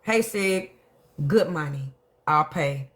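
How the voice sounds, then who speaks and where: A woman's voice: low voice, expressive, takes it slowly. A middle-aged woman, hosting a casual live stream, telling her side bluntly and profanely while greeting viewers by name. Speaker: livestream host.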